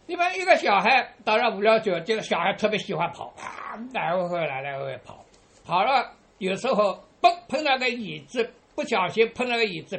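A woman preaching a sermon to her congregation, padding phrases with drawn-out "ah" fillers and asking listeners rhetorical questions. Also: mid-range voice, a bit bright.

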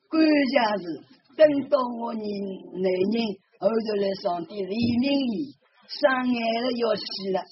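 A woman's voice: mid-range voice, animated, a little slow, slightly rough. An older woman with a Ningbo accent giving a fervent church testimony, often repeating phrases of praise. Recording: dull lo-fi recording.

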